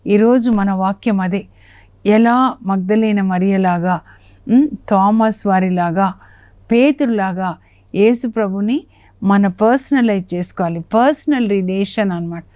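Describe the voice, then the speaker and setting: A woman's voice: medium pitch, a little slow, warm tone, no room sound. Chatty woman teaching scripture, dry sound. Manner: explains in a chatty way and acts out quoted lines with a raised, emphatic voice. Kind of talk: conversational Bible teaching on television. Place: television studio.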